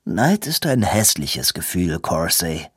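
Haughty aristocrat, read by a male narrator, cold and dismissive, slow and affected in a dry, close audiobook sound. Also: sits low, big pitch swings, fairly bright tone, slightly rough, no echo, pitched below the performer's own voice, exaggerated voice. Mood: haughty disdain. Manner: disdainful, clipped, affected. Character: haughty aristocratic lord, coldly dismissive man.

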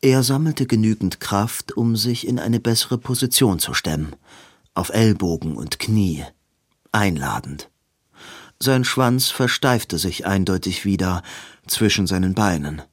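Slow, low-voiced male audiobook narrator. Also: lively intonation, dry recording, studio quality. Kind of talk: scripted narration.

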